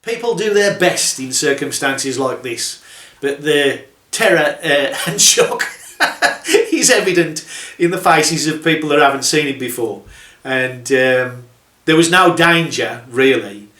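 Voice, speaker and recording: A middle-aged man spins road anecdotes with dry, sardonic wit and a chuckle behind the punchlines. His voice sits a touch high and rings bright and forceful. The sound bounces around an echoey room. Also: animated, measured pace. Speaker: truck driver telling stories. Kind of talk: casual anecdotal storytelling.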